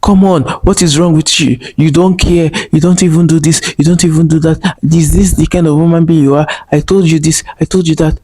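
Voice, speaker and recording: A man's voice: on the high side, fairly even intonation, brisk, hardly any pauses, a little mellow, breathy edge, voice pushed up. A man voicing an angry young woman who scolds her boyfriend with repeated accusations. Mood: accusing.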